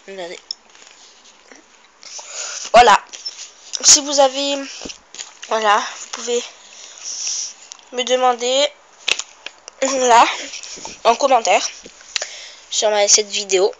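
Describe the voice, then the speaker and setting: A woman's voice: a little high, slow, long pauses. A female vlogger in a casual show-and-tell home video who chats to viewers, mutters to herself while counting and often corrects herself. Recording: noisy home recording.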